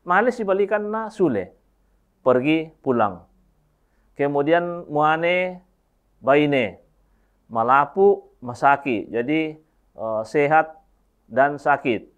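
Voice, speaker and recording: A male teacher giving a language lesson, slowly going through word pairs and often adding "ya". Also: fairly high pitch, dull audio. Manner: slow, repetitive word-by-word explanation with frequent "ya".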